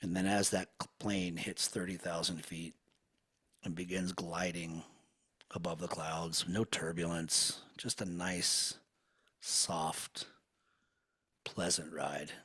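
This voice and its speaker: A man leading a guided hypnosis session in a slow, soothing, hushed manner. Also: deep voice, steady tone, breathy edge.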